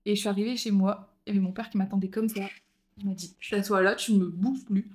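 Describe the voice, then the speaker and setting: A young woman co-hosting a podcast tells a story in casual chat, speaking fast at a medium pitch. She's animated and acts out the voices of the people she quotes.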